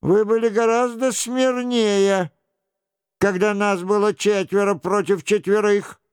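A man's voice: high voice, steady tone, slow pace, clear, resonant tone, no echo, clean studio sound, pitched above the performer's own voice. A man reading an audiobook, voicing a sarcastic young nobleman who lectures his rivals.

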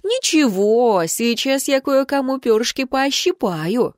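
A woman's voice: high voice, expressive, unhurried, no echo, studio quality, voice pushed up. A woman doing a shrieking, spiteful rival.

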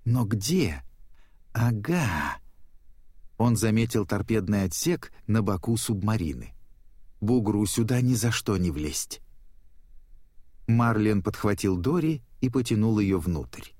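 A man narrating a children's storybook in an expressive reading voice. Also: lowish voice, measured pace, dry recording, clean studio sound.

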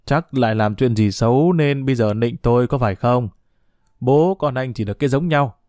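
A sharp-eyed mother in a spoken story answers with dry sarcasm, as a man reads her lines. The voice stays at a middle pitch and sounds close and dry. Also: moderate pace, dry recording, natural voice. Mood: sarcastic. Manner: dryly sarcastic.

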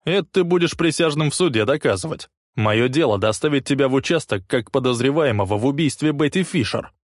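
A man voicing a furious male police detective who snarls his accusations in a hoarse voice. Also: fairly high pitch, animated, normal speed, dry recording, clean studio sound, voice pushed up. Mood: accusing.

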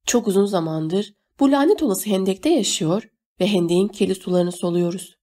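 A woman's voice: medium pitch, moderate pace, warm tone, close to an everyday voice. A woman reading an audiobook voices a bitter gilled man with a raised, scornful voice. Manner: scornful, accusing. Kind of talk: audiobook character voice.

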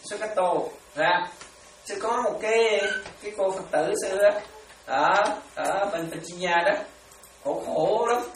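A man, a monk, giving a chatty, animated dharma sermon full of stories and repetitions. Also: high voice, unhurried. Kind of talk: sermon with storytelling. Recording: echoey, distant mic, faint noise.

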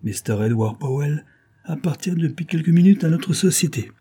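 A man voicing a boastful gang chief who threatens his captives with loud, sonorous phrases, in a storybook reading. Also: fairly high pitch, lively intonation, normal speed, breathy edge, pitched above the performer's own voice. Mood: mocking.

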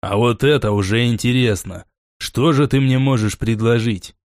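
A man's voice: mid-range voice, moderate pace, a little mellow, dry recording, studio quality, lightly acted. A man voicing a cocky, cruel clan leader who taunts his defeated enemy. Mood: amused.

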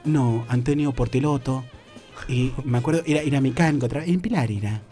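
A man's voice: medium pitch, a little fast, mellow, soft background music. A man with a Rioplatense accent hosting a radio comedy show, telling a story in a camp, theatrical way full of hesitations and fillers. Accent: Rioplatense Spanish. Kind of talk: comic storytelling.

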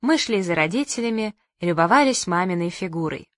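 A woman reading a lively humorous story aloud as an audiobook narrator. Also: on the low side, brisk, no room sound, clean studio sound. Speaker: audiobook reader. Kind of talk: scripted narration.

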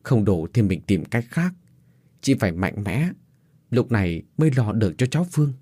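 A man voicing a kind village neighbor who reassures a grieving woman in quick words. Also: on the low side, very animated, dark tone, no echo, studio quality. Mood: reassuring.

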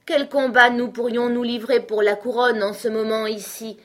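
A woman's voice: a little high, little pitch movement, normal speed, fairly bright tone, pitched above the performer's own voice, close to an everyday voice. A woman playing a haughty unicorn. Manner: careless, disdainful, bossy. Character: haughty, offhand male unicorn creature.

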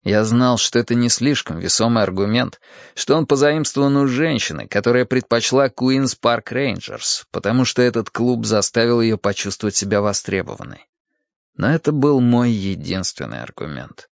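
A man's voice: mid-range voice, animated, moderate pace, vocal fry, dry recording. Man reading a novel aloud in a dry recording. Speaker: audiobook narrator. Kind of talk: audiobook narration. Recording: dry, slightly dull.

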